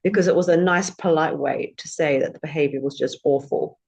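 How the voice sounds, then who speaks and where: A woman's voice: deep voice, brisk, vocal fry, darkish tone, breathy edge, highs cut off. A woman, a former prosecutor, explaining legal vocabulary in an articulate way and giving examples. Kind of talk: conversational explanation.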